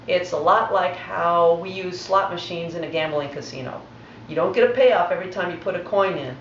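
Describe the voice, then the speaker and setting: A woman's voice: on the low side, brisk, a little hiss or hum. A woman dog trainer giving a patient, methodical demonstration lesson. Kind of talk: instructional demonstration. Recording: roomy, distant, dull recording.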